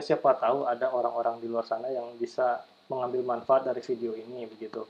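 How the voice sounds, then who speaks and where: A man's voice: medium pitch, lo-fi sound. A man lecturing students in a casual, chatty way, full of fillers and small demonstrations.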